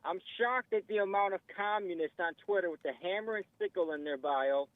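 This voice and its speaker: Man, caller, thin phone voice with no bass, high-pitched, blunt and indignant, tinny dry line. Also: a little fast, no room sound. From Chicago area, USA. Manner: blunt, indignant, swears freely. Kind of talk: call-in radio chat. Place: in a car, then on a handset.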